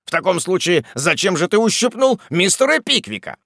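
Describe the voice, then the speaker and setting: A man voicing a hot-tempered old English country gentleman who shouts and blusters. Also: high-pitched, sing-song, fairly quick, creaky, dry recording, clean studio sound, pitched above the performer's own voice, exaggerated voice. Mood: stern. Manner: loud, blustering, shouting orders.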